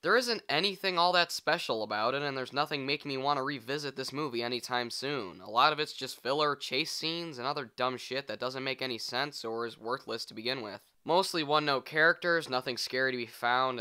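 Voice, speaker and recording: A man delivers a scripted film review with blunt sarcasm and casual swearing. His voice is bright and crisp, sitting at an average pitch. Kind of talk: scripted comedic review narration.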